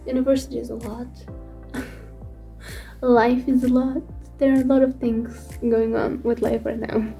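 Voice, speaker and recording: A woman's voice: on the high side, level tone, unhurried, vocal fry, warm tone, faint music behind. A woman in her twenties chatting casually as a vlogger, rambling and poking fun at herself. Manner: chatty, rambling, self-deprecating. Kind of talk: casual vlog chat.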